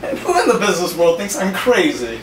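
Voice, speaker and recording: A young actor plays a blustering aging salesman father who scolds his sons with a lively, swooping delivery. The sound is roomy and distant, as if from a camera across the room. A faint hiss sits underneath. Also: mid-range voice, a little fast, natural voice. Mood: scolding. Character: proud aging male salesman father, quick-tempered and bossy. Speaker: student actor. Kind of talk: amateur scene acting.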